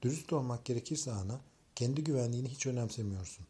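A man's voice: medium pitch, fast, dark tone, natural voice. A man voicing a stern, protective young husband who gives firm, clipped commands in an audiobook.

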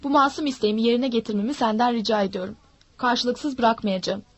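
A woman voicing a sly, menacing old male pirate who coaxes and threatens smoothly. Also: on the high side, fairly even intonation, quick pace, no echo. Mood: sly coaxing. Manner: smooth-talking, mocking threats.

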